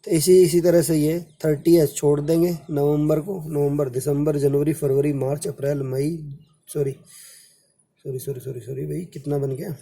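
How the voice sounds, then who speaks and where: The commerce teacher here has a slightly high, gravelly, warm voice with a breathy edge, speaking flatly at a moderate pace. In his casual lecture he counts months aloud, fondly calls students "बेटा", and quotes their questions.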